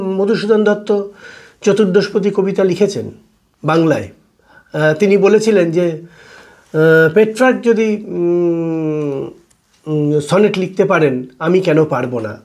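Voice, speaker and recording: A man lecturing on poetry as a teacher, pausing often with fillers and reading English verse slowly. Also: high-pitched, a little mellow. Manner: hesitant, full of fillers, reads English lines slowly. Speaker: literature teacher.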